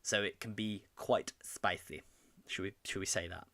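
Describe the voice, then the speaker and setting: A man's voice: lowish voice, fairly even intonation, normal speed, bright, forceful tone, no room sound. A man co-hosting a casual hobby chat livestream, rambling and reading out viewer comments. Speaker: co-host.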